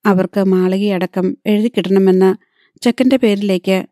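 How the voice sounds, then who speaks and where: A man's voice: high-pitched, steady tone, moderate pace, mellow, no echo, clean studio sound, lightly acted. A woman voicing a deferential middle-aged male marriage broker in an audiobook. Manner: deferential, reporting to his boss.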